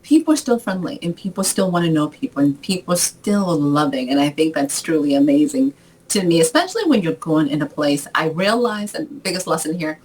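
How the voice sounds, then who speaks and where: Husky-voiced woman guest from the Dominican Republic. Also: low voice, brisk, rough recording. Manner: lively storyteller, laughs often. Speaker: author guest. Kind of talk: casual interview chat.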